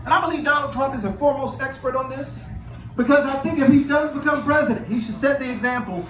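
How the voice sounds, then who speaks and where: Guy doing standup, really high voice, lots of uhs, noisy club sound. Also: fairly bright tone. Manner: conversational storytelling with filler pauses, acts out both sides of dialogues. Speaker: stand-up comedian. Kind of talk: stand-up comedy set. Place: comedy club stage with audience laughter. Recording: echoey room, from a distance, noisy.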